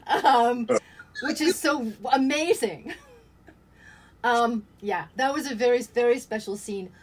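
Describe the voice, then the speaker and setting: Speaking slowly in a fairly high voice, an older actress looks back casually on things in an interview done over video call. She sits indoors before a cloth backdrop, with faint ambient noise on the line.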